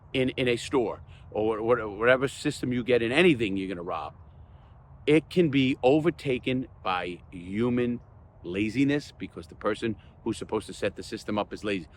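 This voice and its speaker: A man's voice: medium pitch, slight background noise. An older man talking off the cuff to his viewers, emphatic and earnest, repeating points for stress in a plain-spoken way. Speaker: host of a crime stories channel. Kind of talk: unscripted talk to viewers.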